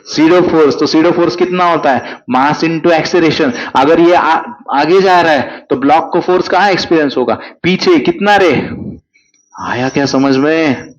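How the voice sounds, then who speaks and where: A man's voice: on the high side, moderate pace, muffled recording. A male physics teacher, coaxing students through exam problems with constant questions. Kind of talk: exam crash-course lecture.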